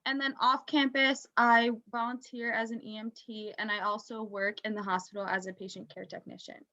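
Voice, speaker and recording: A woman's voice: on the high side, level tone, normal speed, bright, forceful tone. A young adult woman, a student panelist, giving a plain introduction of herself. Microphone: video call. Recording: dull lo-fi video-call audio.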